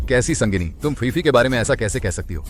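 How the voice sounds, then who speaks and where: An actor dubbing a dismissive, cheating husband, scornful and easily agitated. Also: male voice, medium pitch, animated, fast, faint music behind, lightly acted. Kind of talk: Hindi dub of a drama.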